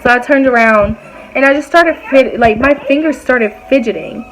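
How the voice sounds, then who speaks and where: A woman's voice: sits high, moderate pace, a bit bright, soft background music, rough recording. A young woman vlogger telling a personal story in a casual, rambling way, full of fillers and acted quotes.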